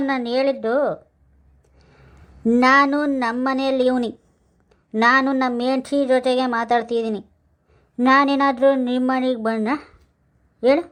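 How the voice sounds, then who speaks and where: A woman acting out a drunk village braggart, slurred and rambling, high for a man, slow and dragging, broken english boasts, comic skit.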